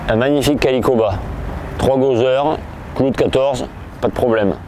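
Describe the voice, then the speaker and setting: Relaxed man fishing outdoors, mellow voice. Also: mid-range voice, normal speed, a little hiss or hum. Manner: relaxed, hesitant, many restarts. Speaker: fishing angler presenter. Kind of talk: casual on-the-spot commentary. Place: outdoors by a pond.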